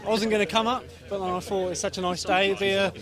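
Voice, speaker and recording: A man's voice: sits high, level tone, fast. A young man from Buckinghamshire answering questions outdoors, laid-back and coy. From Buckinghamshire, England. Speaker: event visitor. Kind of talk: casual interview answers. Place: outdoors at an airfield. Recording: outdoor crowd noise.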